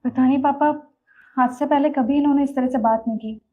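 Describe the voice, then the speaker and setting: A woman's voice: sits high, steady tone, fairly quick, narrow, tinny audio, lightly acted. An actress playing a defiant young wife who scolds her husband indignantly.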